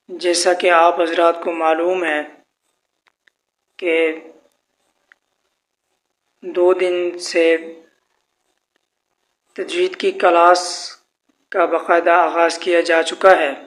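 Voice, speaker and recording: A man teaching a tajweed pronunciation lesson, speaking slowly and formally and drawing out the letters he demonstrates. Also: on the high side, level tone, fairly bright tone. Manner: slow, formal address with drawn-out demonstrated letters. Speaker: Quran recitation teacher. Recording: echoey room.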